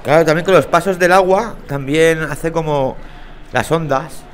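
A young man with a Spanish accent from Spain, commentating a horror game as he plays, calling out loudly and then muttering low and jumpy. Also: unhurried, slight background noise. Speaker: gamer playing a VR horror game. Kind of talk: let's play commentary.

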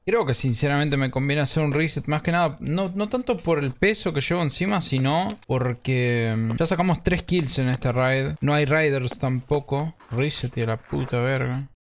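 Excitable Argentine man streaming a game. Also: mid-range voice, moderate pace, few pauses, a little hiss or hum. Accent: Argentine Spanish. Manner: excitable, swearing, mixes in English slang. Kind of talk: live gameplay commentary.

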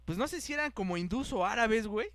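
Young male podcast host with a Mexican accent. Lively, slangy storyteller with a high voice. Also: quick pace, no echo. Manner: animated, acts out the voices of people in his story, heavy slang. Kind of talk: casual storytelling chat.

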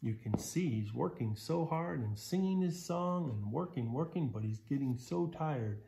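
A middle-aged American volunteer reads a picture book aloud to young children from a sofa in a small living room, explaining things in simple terms. His medium-pitched voice is animated, mellow, and a little creaky, and he reads at a normal speed with plenty of expression.

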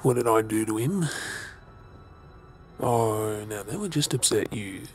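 Creepy male stalker played by a man for ASMR role-play: obsessive, menacingly tender, very slow delivery, music underneath. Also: fairly low pitch, expressive. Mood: sinister, taunting. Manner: creepy, slow, hesitant pauses with mocking softness.

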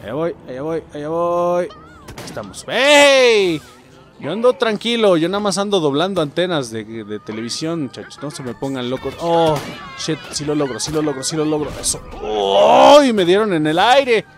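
A young Mexican man giving excitable, casual gameplay commentary, swearing freely and talking to his viewers. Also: a little high, moderate pace, faint music behind. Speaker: gameplay streamer.

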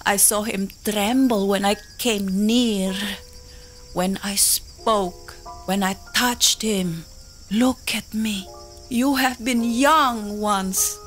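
In a full-cast audio drama, an actress voices a proud yet desperate young native woman, delivering slow, poetic, impassioned pleas. Her pitch sits in the middle range with a slightly bright quality, and faint music plays underneath.

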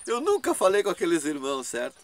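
A man's voice: sits high, huge pitch swings, fast, a little hiss or hum. A man giving an informal preaching testimony, rambling, laughing often and asking 'né?' to his listeners.

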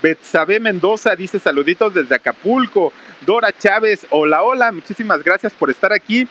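Loud bright-voiced man on a live stream. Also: sits high, lively intonation, moderate pace, dull audio, slight background noise. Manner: talks loudly over rain under a small roof. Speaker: host reading viewer greetings on a live stream. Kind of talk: casual live-stream chat. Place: outdoors under a small roof in heavy rain near ruins. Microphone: camera mic with crew nearby.

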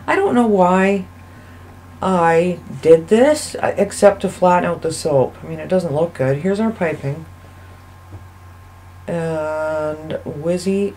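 A woman hosting a soap-making channel, giving a casual, chatty voice-over that rambles and thinks out loud as she goes. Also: lowish voice, a little hiss or hum, rough recording. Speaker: soap maker and channel host. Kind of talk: casual voice-over narration of a craft video.

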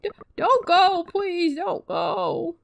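A woman voicing a fussy male quack doctor with a weird lisp, reading his lines slowly and drawn out. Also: extremely high pitch, gravelly, voice pushed up, full character voice.

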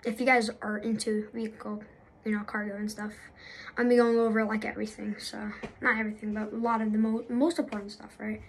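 A woman's voice: medium pitch, flat delivery, fairly quick, slight background noise, rough recording. A young woman talking off the cuff as a gaming YouTuber, rambling and apologizing, with lots of fillers and restarts. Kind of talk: unscripted casual commentary.

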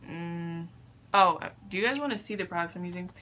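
A young woman vlogging casually, halting and unsure of herself, with a self-deprecating way of talking. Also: lowish voice, pushed and bright. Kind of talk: casual makeup vlog chat. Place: attic bedroom, indoors. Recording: faint background noise, room ambience.

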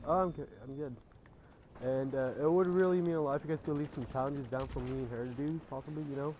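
A man's voice: mid-range voice, fairly even intonation, fast talker, darkish tone. A young man chatting casually over video game sounds as a gaming YouTuber, rambling and repeating himself with slangy, sweary talk. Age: young adult. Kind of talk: casual chat over gameplay. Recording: noisy, game gunfire behind voice. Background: video game gunfire and ambience.

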